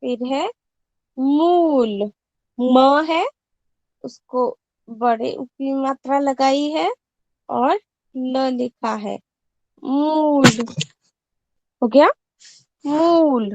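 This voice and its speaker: A woman teaching young children in an online class, stretching out each sound and word slowly. She repeats words clearly for the class to follow. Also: high voice, darkish tone, no echo. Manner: slow, drawn-out pronunciation of sounds and words. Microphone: video call. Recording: dull lo-fi online call audio.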